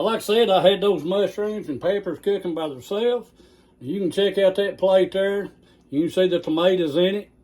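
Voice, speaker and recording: A man's voice: sits high, darkish tone. A man hosting a casual cooking video in a home kitchen, folksy and chatty, talking straight to his viewers. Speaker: cooking channel host.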